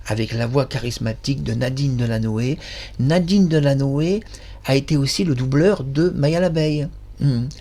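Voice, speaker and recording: A man's voice: mid-range voice, dark tone. A man hosting his own channel, talking in a casual monologue that is effusive, rambling and self-praising. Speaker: channel host.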